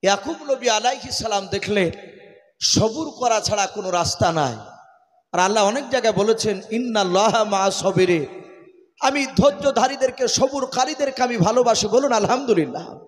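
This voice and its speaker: High-voiced chanting preacher from West Bengal. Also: male voice, lively intonation, brisk. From India. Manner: melodic, chanting delivery that rises into shouts, calling on the crowd to respond. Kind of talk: sermon at an Islamic gathering. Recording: echoey hall with long reverb.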